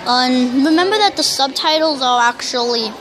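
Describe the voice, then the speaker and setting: A youngster who can't pronounce R's, saying w instead, rambling loudly through casual gameplay commentary. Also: high-pitched, animated, normal speed, a crowd in the background, poor audio. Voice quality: speech impediment, cannot say R's correctly, says w for r. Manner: rambling, self-described loud talker. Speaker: YouTuber.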